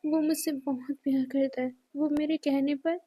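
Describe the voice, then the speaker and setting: A woman's voice: high voice, steady tone, moderate pace, warm tone, close to an everyday voice. Woman voicing a grief-stricken young man. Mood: desperate pleading. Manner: pleading, repeats and stumbles over words.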